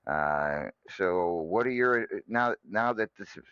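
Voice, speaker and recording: A man's voice: fairly low pitch, animated, slow, a bit bright, smooth, no echo. A man hosting a wrestling talk show, easygoing, with hesitant fillers. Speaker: host. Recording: dry dull lo-fi mic.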